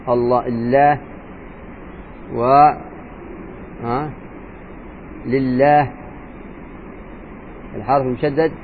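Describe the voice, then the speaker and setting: A man teaching jurisprudence as a sheikh, explaining a text and slowly repeating and demonstrating letter sounds aloud. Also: mid-range voice. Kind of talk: religious lesson explaining a legal text. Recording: tinny phone-like lo-fi sound with faint noise.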